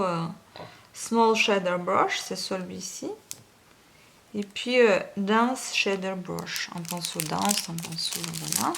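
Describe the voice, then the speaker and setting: A woman's voice: mid-range voice, creaky. A woman vlogger chatting casually through an unboxing, hesitant, with many fillers. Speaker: beauty vlogger. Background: wind noise and plastic crinkling.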